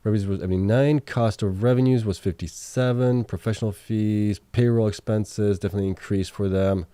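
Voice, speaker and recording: Fairly quick and fairly even in intonation, this man's lowish, dark, clean voice carries a late-night livestream where he reads chat questions and walks through financial results. He thinks out loud with plenty of fillers and self-corrections, and his voice is starting to go. No room sound is audible.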